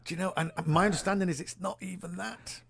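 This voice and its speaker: A man co-hosting a casual comedic chat show, telling stories in an animated way, often repeating words and giggling. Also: high-pitched, quick pace, creaky, husky. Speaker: podcast co-host. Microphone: studio microphone.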